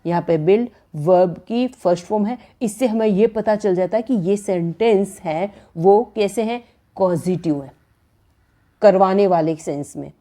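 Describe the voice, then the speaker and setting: Here is a woman teaching grammar in a lecture style when she says the words. She talks slowly and patiently, stressing each example sentence word by word. Her pitch sits in the middle for a woman. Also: mellow. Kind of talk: classroom-style lecture in Hindi.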